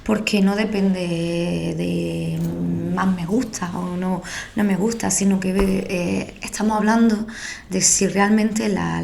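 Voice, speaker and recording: A woman hosting an interview, putting questions in measured, fairly formal and careful phrasing. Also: lowish voice, creaky, a little mellow, a little hiss or hum. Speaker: interviewer, host.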